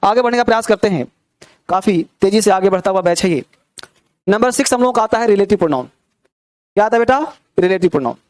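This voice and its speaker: A man's voice: high voice, animated, fast, long pauses, no room sound, studio quality. A young man teaching a grammar class, drilling pronunciation and checking in with his students. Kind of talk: classroom lecture.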